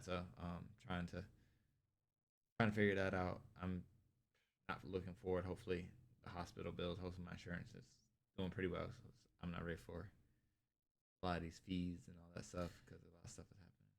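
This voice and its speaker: A man's voice: deep voice, monotone, fairly quick, creaky, slight background noise. A man co-hosting a podcast in casual chat, rambling with lots of fillers and sounding tired. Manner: rambling, heavy use of filler "like". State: tired, yawning. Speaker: podcast co-host.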